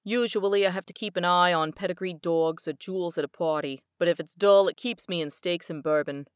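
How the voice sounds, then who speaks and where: Casting: woman voicing a callous tough-guy male detective, lowish and dry, blunt slang. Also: a little fast, clear, resonant tone, no echo, close to an everyday voice.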